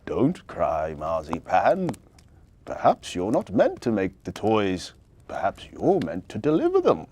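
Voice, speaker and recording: A man voicing a kindly old Santa Claus in a children's story, deep and jolly, with a hearty, reassuring manner. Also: wildly swooping pitch, measured pace, darkish tone, slight background noise. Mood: comforting.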